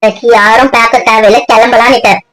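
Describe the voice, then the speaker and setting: Woman doing a resentful sick mother, scolding, fast-talking, slightly high voice, comedy skit. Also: steady tone, a bit bright, close to an everyday voice, poor audio. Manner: scolding, bitter and rapid. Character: upset middle-aged mother, sick and resentful. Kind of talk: scripted comedy skit dialogue.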